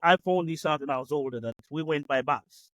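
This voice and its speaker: A man in his late forties, originally from Uganda, speaks quickly as an interview guest. He stumbles through fillers and restarts his sentences often. The sound is dry and close, with no room behind him. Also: a little high, fairly bright tone, dry recording, low-quality recording. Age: late 40s. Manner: hesitant, many fillers and restarts. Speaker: guest entrepreneur. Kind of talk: conversational interview.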